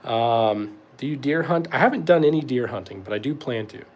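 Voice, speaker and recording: A man's voice: mid-range voice, animated, brisk, a little mellow. Young guy from north carolina chatting on a stream, super laid back, lots of um and like, just rambles along. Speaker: host answering live chat questions. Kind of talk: casual livestream Q&A.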